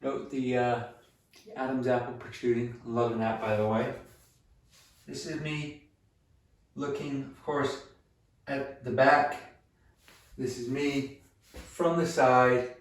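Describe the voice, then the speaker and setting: A man's voice: mid-range voice, flat delivery, takes it slowly, pauses often, far from the mic. A man in his late twenties talking casually and earnestly in a vlog, upbeat and self-encouraging, with fillers and restarts. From USA. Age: 20s. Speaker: vlogger. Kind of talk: casual weight-loss vlog. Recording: echoey room, voice off-mic at times.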